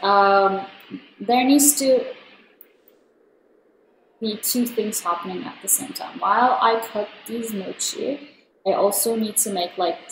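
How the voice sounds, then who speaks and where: A woman's voice: medium pitch, gravelly, slight background noise. Chatty young woman from Turkey, roomy sound. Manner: rambling, chatty, many fillers. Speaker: gaming vlogger. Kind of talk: casual gameplay commentary. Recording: roomy, music underneath.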